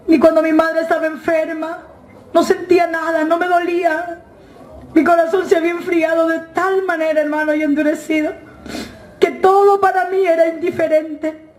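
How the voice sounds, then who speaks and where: A woman giving an emotional church testimony in a church hall, often calling her listeners "brother". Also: very high-pitched. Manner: keeps addressing listeners as "hermano". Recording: echoey hall with faint noise.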